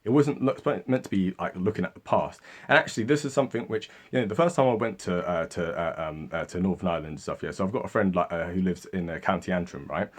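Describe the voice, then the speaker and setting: A man's voice: low voice, fast, hardly any pauses. Chatty man doing a casual video talk. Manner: chatty and animated, mimics commenters and mates in exaggerated voices. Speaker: history channel host.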